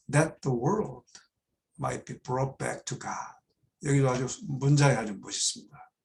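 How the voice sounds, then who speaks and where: A man teaching a Bible study, reading English phrases slowly and explaining them, repeating key words for emphasis. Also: a little high, vocal fry. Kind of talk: explaining an English text line by line.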